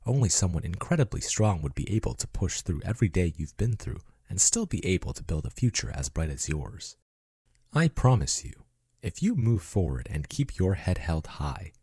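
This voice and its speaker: A man performs an ASMR roleplay as a devoted male chatbot robot companion who is falling in love. His very low, mellow, husky voice swings lively in intonation as he reassures tenderly, earnestly and affectionately, with a possessive streak, in a soothing, encouraging mood. Delivered at normal speed in full character voice, the studio-quality recording has no room sound.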